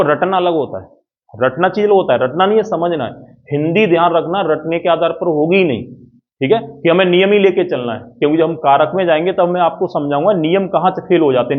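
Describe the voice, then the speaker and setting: A man teaching an exam-prep grammar lesson at a board, explaining step by step and often checking that students follow. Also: on the high side. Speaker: Hindi teacher. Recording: tinny phone-like audio.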